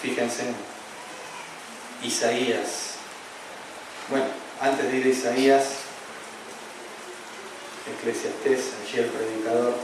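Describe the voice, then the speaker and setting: Pastor guy preaching, slow emphatic scripture reading, really echoey hall, kinda far off and noisy. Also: little pitch movement. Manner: builds to loud, high-pitched fervent preaching. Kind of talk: sermon. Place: church. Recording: echoey church hall, distant mic, noisy.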